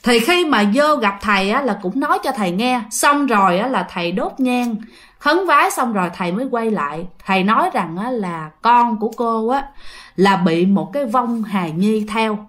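A lively woman narrating a spooky tale to her audience. Her voice sits high and swings widely, with a bright, forceful tone as she acts out each voice. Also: moderate pace. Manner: animated, addresses listeners directly, acts out voices. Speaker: storyteller. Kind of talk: spoken ghost-story telling.

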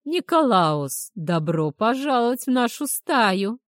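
A woman voicing a brutal male werewolf pack leader who growls loud threats. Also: on the high side, very animated, slow, dry recording, clean studio sound. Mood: gleeful. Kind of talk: audiobook character voice.

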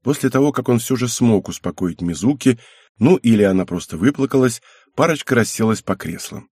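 A man reading an audiobook aloud in an even, matter-of-fact way. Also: medium pitch, a little fast, husky, dry recording, studio quality. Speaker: audiobook narrator. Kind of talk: audiobook narration.

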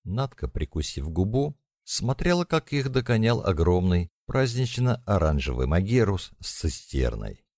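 A man narrating an audiobook with expressive storytelling. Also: deep voice, a little slow, few pauses, no echo, clean studio sound. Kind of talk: scripted narration.

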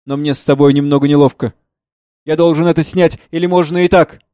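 A man's voice: a little high, fairly even intonation, a little fast, dark tone, no room sound, clean studio sound, pitched above the performer's own voice, close to an everyday voice. A man reading a play aloud, voicing an aging writer and father in an impassioned, declamatory way. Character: aging man, a famous writer, anguished and earnest.

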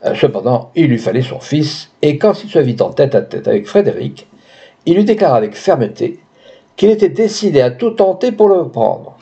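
Man narrator, mellow tone, measured audiobook reading, dull lo-fi sound. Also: fairly high pitch, very animated, vocal fry. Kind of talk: scripted narration. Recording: dull lo-fi recording.

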